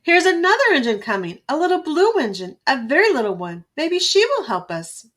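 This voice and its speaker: A woman voices a cheerful little toy clown in a storybook, sounding eager, hopeful and encouraging. Her exaggerated voice is high, pushed and bright, pitched above her own, with big pitch swings at a moderate pace.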